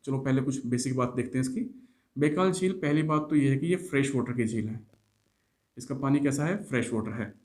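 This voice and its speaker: Mellow-voiced man teaching geography. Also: mid-range voice, a little fast. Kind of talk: explanatory classroom lecture.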